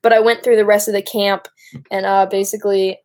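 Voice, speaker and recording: A young woman live-streamer with a Michigan, Great Lakes accent talks off the cuff. Her voice sits at an average pitch for a woman. She rambles casually, breaking off to address whoever is watching. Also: little pitch movement, a little fast, darkish tone, a little hiss or hum. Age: young adult.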